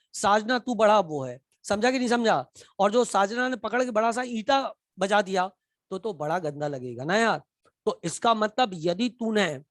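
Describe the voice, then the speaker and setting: A man teaching a live class, shouting and teasing as he quizzes his students in a colloquial way. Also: sits high, dry recording, clean studio sound.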